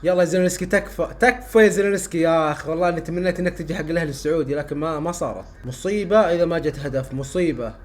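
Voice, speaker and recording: A young man reacting live to a football match, exclaiming and repeating phrases, shouting at goals. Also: a little high, racing, few pauses. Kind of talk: excited live reaction commentary.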